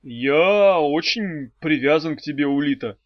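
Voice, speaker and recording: A man's voice: on the high side, expressive, a little slow, no echo. A man voicing a proud, earnest male servant of light who lectures. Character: earnest male light being, proud, preachy flute player. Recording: dry, slightly dull audiobook recording.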